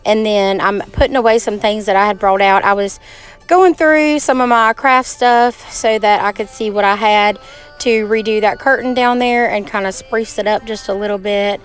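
A woman's voice: mid-range voice, moderate pace, clear, resonant tone, low-quality recording. Brief: young Southern woman, folksy cleaning vlogger, camera mic in a small kitchen, faint music behind. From Georgia, US. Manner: chatty, folksy, talks to viewers while doing chores. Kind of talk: casual chat while cleaning. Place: small kitchen and living room of a trailer home.

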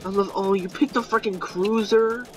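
A man's voice: high voice, steady tone, normal speed, far from the mic. A young man giving live commentary while he plays a game, swearing often and muttering in exasperation at his teammates. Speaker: gamer streamer. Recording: mic set back, faint background noise.

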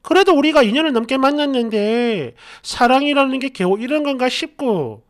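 A woman's voice: high voice, lively intonation, normal speed. A woman hosting her channel, reading online posts aloud in a chatty way and tossing in sarcastic asides. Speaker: channel host.

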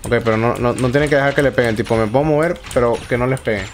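A young man giving excitable let's play commentary, swearing often and talking to himself. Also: mid-range voice, racing, a little hiss or hum. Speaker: gaming YouTuber.

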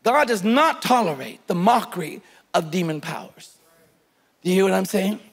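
A man's voice: sits high, animated, moderate pace, vocal fry, long reverb tail. A man preaching a sermon as pastor, retelling a scripture story emphatically and urging his listeners to take hold of it. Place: church sanctuary.

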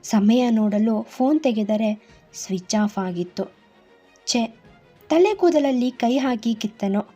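A woman storyteller giving a gentle, even scripted narration of a love story. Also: a little high, slow, pauses often, slightly rough, highs cut off, faint music behind.

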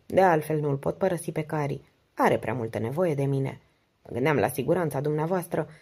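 A woman voicing a beautiful young woman in an audiobook, speaking softly and wistfully. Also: sits low, husky.

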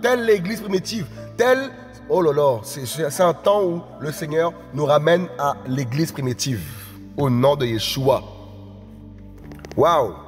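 A man preaching an evangelical sermon, often asking his listeners if they understand, dropping low and soft at phrase ends and rising to impassioned shouts. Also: lively intonation, measured pace, long reverb tail, soft background music. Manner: repeats "tu comprends?" often, drops low and quiet at phrase ends; rises to impassioned high shouts, speaking in tongues.

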